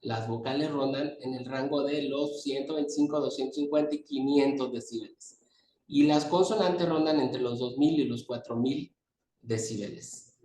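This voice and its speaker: A man's voice: medium pitch, normal speed, warm tone. A man giving a medical lecture at a pediatrics conference, explaining terms step by step and pointing at his slides. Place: conference hall. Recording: echoey hall, distant mic, faint noise.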